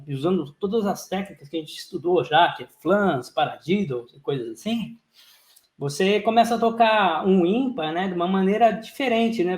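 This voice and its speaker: Male drum teacher, bright high register, on a video call in an echoey room, breaks into rapid rhythmic syllable chanting between explanations. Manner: chants konnakol syllables in quick rhythmic runs. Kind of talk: online lecture with sung rhythm syllables. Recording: roomy echo.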